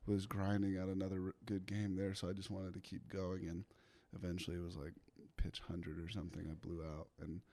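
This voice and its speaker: Young man, slightly low voice, relaxed storytelling, casual fillers, frequent laughs. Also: a little fast, hardly any pauses. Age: young adult. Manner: laid-back, laughs often, filler-heavy. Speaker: guest, pitcher.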